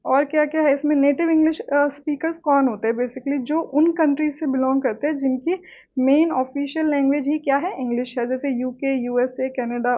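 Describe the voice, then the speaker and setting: A woman giving an exam-prep lecture in Hindi mixed with English terms, often checking in with "है ना". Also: high voice. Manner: explains in Hindi mixing English terms, frequent "है ना". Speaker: online tutor. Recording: tinny phone-like audio.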